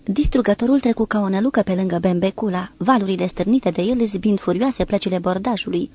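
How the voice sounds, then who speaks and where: A woman's voice: medium pitch, mellow. Woman reading a naval war novel aloud. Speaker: audiobook narrator. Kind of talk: scripted audiobook narration.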